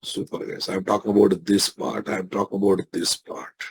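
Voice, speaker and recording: A software instructor with a Telugu Indian accent delivers an informal technical lecture, repeating phrases and often using tag questions to check that listeners follow. His voice sits low and husky, with a flat delivery at a moderate pace.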